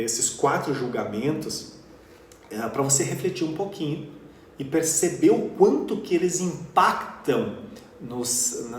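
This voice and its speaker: A man coaching public speaking to camera, earnest and stressing words with slow, emphatic pauses. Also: lowish voice, roomy sound, slight background noise. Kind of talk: motivational talk to camera.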